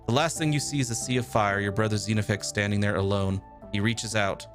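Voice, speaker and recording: Streamer guy reading out the game text, low steady voice, faint music in the back. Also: brisk.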